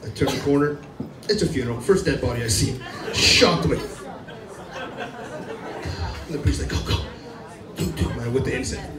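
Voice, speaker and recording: A medium-pitched, expressive comedian talks fast through a loose, self-mocking stand-up set, laughing at his own jokes before a live club audience. He's recorded from a distance in roomy audio, with crowd laughter and loud music behind his voice.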